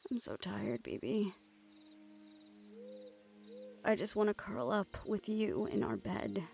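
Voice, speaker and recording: Here a woman voices a young monster hunter in intimate audio roleplay, sounding weary yet tender as she teases her partner, swears casually, and lets out soft, wry chuckles. Her medium-pitched voice is gravelly and sing-song, moving at normal speed. There's music in the background.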